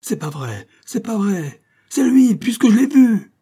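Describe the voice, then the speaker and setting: Man voicing a desperate accused man, pleading, shouting, high strained voice, husky tone. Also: big pitch swings, unhurried, full character voice.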